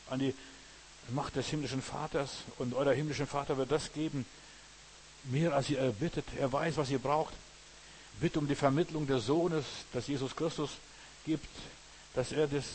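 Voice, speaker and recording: A man preaches a passionate sermon, quoting scripture by book and verse and speaking directly to his listeners. His voice is mid-range, and the low-quality recording has slight background noise.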